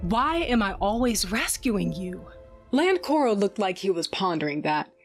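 In a sing-song, medium-pitched voice that runs a little slow, a woman voices a first-person narrator: a tough, sardonic fighter with a cybernetic eye. The tone is gruff and wry, blunt and profane with dry humor, and faint music can be heard behind her.

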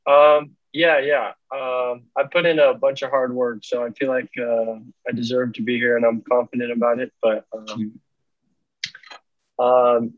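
A man's voice: medium pitch, little pitch movement, measured pace, dry recording. A young man in his twenties, an athlete answering interview questions briefly and hesitantly over a video call. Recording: dry, dull video-call audio.

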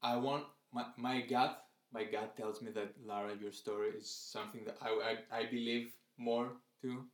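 Casting note: hesitant male co-host, monotone delivery, echoey room. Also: mid-range voice, normal speed, hardly any pauses. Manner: hesitant, restarts words. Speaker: podcast co-host. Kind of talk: casual chat. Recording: roomy echo.

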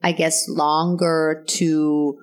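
A woman's voice: sits low, little pitch movement, very slow. A woman, an actor and comedian, chatting casually as a podcast guest, laughing easily and trailing off with ums and restarts. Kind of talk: casual chat. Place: indoor podcast studio.

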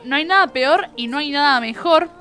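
A young woman with an Argentine Spanish accent, co-hosting a casual chat in a lively, emphatic way. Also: high-pitched, moderate pace. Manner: lively, emphatic, eager to agree. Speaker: podcast co-host.

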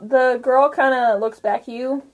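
High-voiced woman running a tabletop game. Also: fairly even intonation, measured pace. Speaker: game master.

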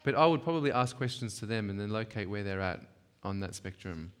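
A man's voice: on the low side, animated, a little fast, clean tone. A man teaches a church workshop in a casual, emphatic way, often stopping to check in with his listeners. His voice carries a long reverb from a hall. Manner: conversational, emphatic, with rhetorical check-ins. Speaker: workshop speaker.

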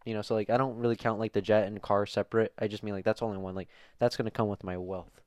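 A man's voice: fairly low pitch, level tone, quick pace, a little mellow, dry recording. A young man co-hosting a podcast, talking casually and rambling with lots of fillers. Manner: laid-back, rambling, heavy on fillers. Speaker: podcast co-host. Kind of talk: casual chat.

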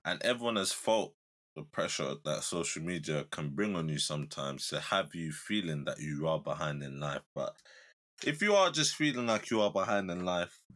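A man's voice: low-pitched, expressive, normal speed, fairly bright tone. A young man with a London accent, bantering on a casual podcast in a slangy, emphatic way. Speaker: podcast co-host.

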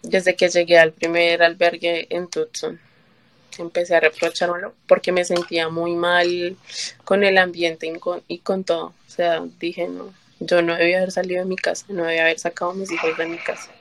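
Speaking as an interview guest, a woman from Colombia recounts her story with deep feeling. Her slightly low voice is level and a bit bright, and she stumbles, restarts, and voices the words of others as well as her own. There is slight background noise.

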